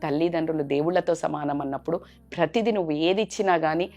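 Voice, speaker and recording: A woman's voice: low voice, quick pace, faint music behind. Earnest woman telling a moral story. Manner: earnest and expressive, shifting between loud and hushed. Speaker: vlogger. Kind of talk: storytelling to a listener.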